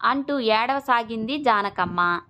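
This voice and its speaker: Woman storyteller for a kids' moral tale, bright and crisp, slightly high voice. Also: expressive, slow, slight background noise. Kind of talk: scripted children's story narration.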